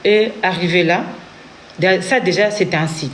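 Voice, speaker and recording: A Congolese woman with a Congolese French accent gives an earnest personal testimony as an interviewee, acting out what others said. Her voice sits on the low side at a normal speed, with a little hiss or hum in the recording.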